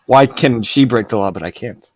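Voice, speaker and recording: A game master voicing a sly, flirtatious cat merchant with a dry, unhurried, smug drawl, in a tabletop fantasy game. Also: mid-range voice, dry recording, close to an everyday voice. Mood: smug, defiant.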